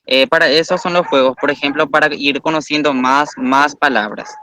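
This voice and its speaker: A man's voice: on the high side, steady tone, normal speed, noisy background. A man teaching a language class, explaining patiently step by step and praising students.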